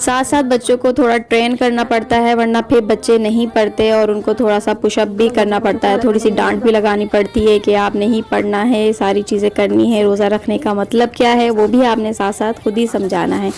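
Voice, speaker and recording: Woman, thirties, vlog voice-over, flat delivery, calm, faint music underneath. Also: mid-range voice, brisk, few pauses. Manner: calm, even narration. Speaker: family vlogger and mother. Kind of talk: voice-over narration of a home vlog. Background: soft background music.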